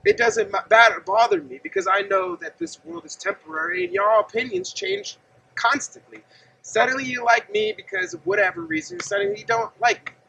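Standing by a gravel lot and fence, a man in his thirties gestures as he preaches in an earnest, chatty way to a camera placed some distance off. The distant mic picks up faint ambience and a little hiss or hum, and his voice is very high, sing-song, creaky, bright and forceful at a fairly quick pace.

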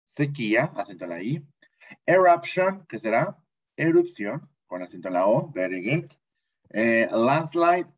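A man with a Mexican Spanish accent leads an English lesson, switching between Spanish and English and repeating words slowly and patiently. His voice sits at a medium pitch. The audio has a slightly dull, muffled quality. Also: sing-song. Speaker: English teacher. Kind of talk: bilingual classroom lesson.

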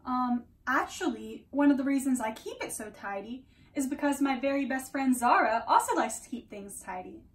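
A woman's voice: sits high, lively intonation, normal speed, few pauses. A young woman playing a lonely, earnest teenage girl who confides in her invisible friend, in a theatrical, wistful dramatic monologue. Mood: chatty, eager. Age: young adult. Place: small room at home, indoors. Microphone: camera a few metres away. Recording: distant microphone in a room.

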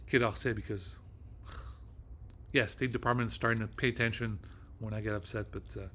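A man's voice: lowish voice, steady tone, moderate pace, a bit bright, a little hiss or hum. Rambling agitated male vlogger. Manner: rambling, agitated, swearing, many fillers. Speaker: video host. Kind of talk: casual monologue.

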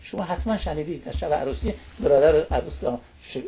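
Appearing as a studio guest on a talk show, a man explains a topic in long lists, often checking in with his listener through little tag questions. His voice is a little high and warm, with a breathy edge.

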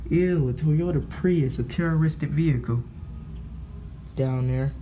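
A man's voice: fairly high pitch, unhurried, mellow, slight background noise. Blunt, profane young man vlogging a storm. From United States. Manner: blunt and profane, scolding then muttering. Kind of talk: casual vlog commentary. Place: indoors at a window during a storm.

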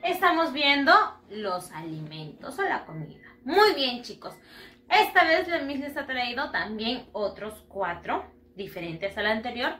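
Teacher lady doing a kids english class, sing-songy, asks stuff then answers it herself, high bright voice, roomy echo. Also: big pitch swings, a little slow. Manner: sing-song, encouraging, asks and answers her own questions. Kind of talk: bilingual lesson for young children. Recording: echoey room.

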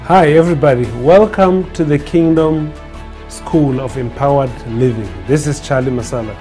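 A South African guest speaker in his forties, with a South African accent, gives an earnest personal talk in a studio with a printed backdrop. His voice is a little high and mellow at a moderate pace, with soft music in the background. Fillers and restarts run throughout.

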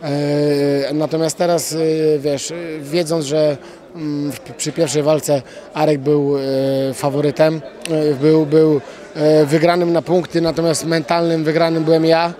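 Halting young man after a fight. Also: fairly high pitch, level tone, dark tone. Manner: halting, many fillers and restarts, blunt slang. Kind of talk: post-fight interview. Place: outdoors at an event press wall. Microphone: handheld reporter mic.

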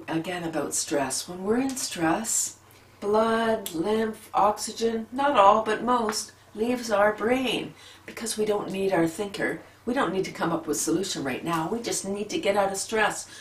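A middle-aged woman leading a gentle relaxation lesson at home, talking softly and sighing out long breaths between exercises. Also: mid-range voice, recorded from a distance. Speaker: laughter yoga leader. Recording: echoey room, a bit off-mic, faint background hum.

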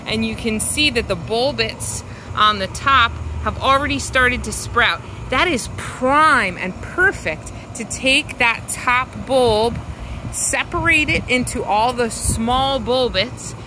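A woman walking through her suburban backyard garden, filming with a handheld phone and explaining each plant in an unhurried, fond way. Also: a little high, background noise. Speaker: home gardener giving a garden tour. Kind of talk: casual walking garden tour. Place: outdoors in a suburban yard garden. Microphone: handheld phone camera, speaker behind it.

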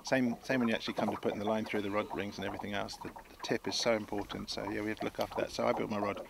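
This outdoor demonstration features a sixties-aged fishing guide on a lake, talking chattily about his tackle from a small boat and frequently starting over. His voice is on the low side and creaky, delivered flat and rapid-fire, amid wind and water noise.

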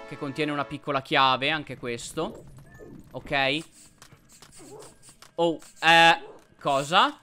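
A man hosting a let's play, commenting on gameplay and yelping excitedly at enemies. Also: a little high. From Italy. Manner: excitable, yelps and shouts at enemies.

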